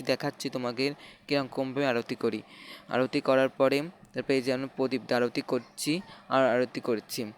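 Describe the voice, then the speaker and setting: A man talks viewers through a home prayer ritual in a level, unvaried tone. He narrates in halting, repetitive steps, often restarting his words. A faint hiss sits under his voice. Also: medium pitch. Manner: halting, repetitive explanations with frequent restarts and fillers; talks directly to viewers, inviting them to watch. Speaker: channel host. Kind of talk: casual step-by-step narration of a home worship ritual.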